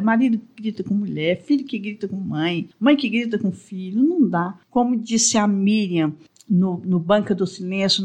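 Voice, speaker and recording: A woman with a Brazilian Portuguese accent hosting a casual solo podcast, chatty and expressive, talking straight to her listeners. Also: mid-range voice. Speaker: podcast host.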